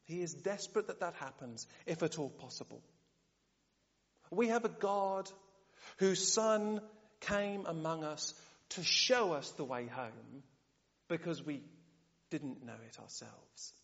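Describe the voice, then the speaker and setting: A man preaching a sermon, animated and often asking the congregation rhetorical questions. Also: a little high, takes it slowly, creaky, pauses often. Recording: dull sound, long church reverb.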